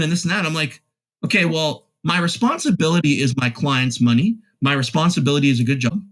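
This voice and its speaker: A man in his forties, a plumbing contractor, telling animated stories on a podcast and acting out both sides of each conversation. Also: on the high side. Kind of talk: casual podcast chat.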